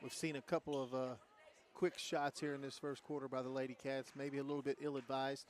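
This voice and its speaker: A man giving relaxed, analytical basketball color commentary with frequent fillers. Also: mid-range voice, a little fast.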